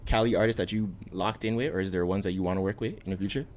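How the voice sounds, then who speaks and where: Low-voiced, slangy man interviewing casually. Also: fairly even intonation, very fast, a little mellow. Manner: slangy, informal. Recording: faint ambient background noise.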